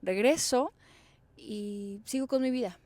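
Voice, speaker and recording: A woman's voice: on the high side, slow pace, dark tone. A young woman from Mexico with a Mexican Spanish accent, telling her own story in a chatty, explanatory vlog with casual fillers. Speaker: vlogger.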